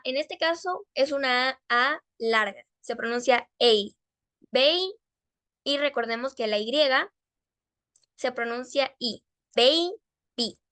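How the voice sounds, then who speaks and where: A woman teaching an English class, patiently correcting pupils and slowly drawing out English words. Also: high-pitched, a bit bright, dry recording. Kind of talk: online class instruction.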